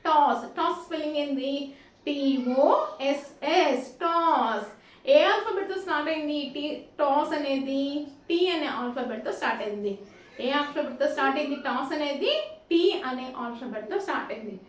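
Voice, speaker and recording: A woman's voice: sits high, a little fast, far from the mic. A woman teaching a phonics lesson to young children. She asks questions, answers them herself and spells each word out letter by letter. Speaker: play school teacher. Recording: echoey room, voice from off the mic, faint room noise.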